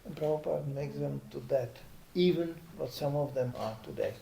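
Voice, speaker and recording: An older man preaching in a lively storytelling manner, often adding "you know". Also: fairly high pitch, moderate pace, gravelly. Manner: lively anecdotal telling with "you know" asides. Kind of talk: storytelling sermon. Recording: echoey room, faint background noise.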